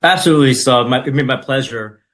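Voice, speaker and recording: A middle-aged man with a medium-pitched voice talks quickly as a podcast guest. He tells his story in a relaxed, conversational way, full of fillers and "right?" tags.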